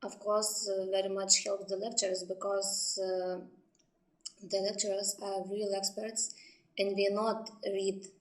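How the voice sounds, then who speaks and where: A woman's voice: mid-range voice, flat delivery, measured pace, poor audio. A woman from Lithuania, answering interview questions in English, hesitating as she searches for words. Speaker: radiation protection specialist.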